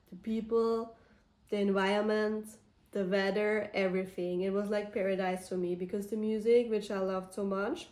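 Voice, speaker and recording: A woman's voice: mid-range voice, darkish tone, roomy sound. A young woman from Austria, introducing her vlog channel in an earnest, enthusiastic way. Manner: earnest, enthusiastic, list-like delivery. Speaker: content creator.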